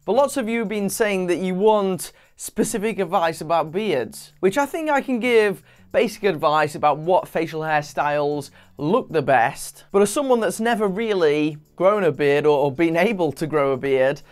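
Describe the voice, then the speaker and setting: A man's voice: sits high, animated, moderate pace, smooth. A man hosting his channel, introducing a guest in a chatty, self-deprecating way. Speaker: channel host. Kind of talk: casual video intro to camera.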